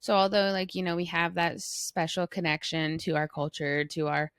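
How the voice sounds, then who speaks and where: A woman's voice: lowish voice, fairly even intonation, normal speed, a bit bright, clean tone, no room sound, clean studio sound. A young American woman from Arizona co-hosting a podcast, chatting informally and agreeably with lots of "like". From Flagstaff, Arizona, United States. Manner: informal, filler-heavy, agreeable. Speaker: podcast co-host. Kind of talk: casual chat.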